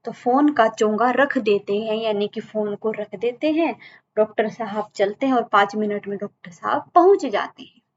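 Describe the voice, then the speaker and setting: A woman's voice: medium pitch, moderate pace. A woman teacher explaining a textbook chapter to students, retelling each line again in simpler words. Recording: dull lo-fi recording, faint background hum.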